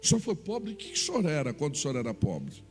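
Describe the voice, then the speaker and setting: A man's voice: on the high side, wildly swooping pitch, fast talker. A male pastor voicing a curious young boy of about ten as he tells a story in a sermon. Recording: reverberant church hall, faint music.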